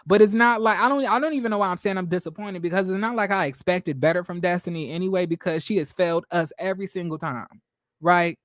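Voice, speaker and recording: A man's voice: high-pitched, quick pace, fairly bright tone, no room sound, clean studio sound. A man hosting a livestream recap of a reality show, reading viewer comments and answering in a blunt, sassy, profane way with many rhetorical questions.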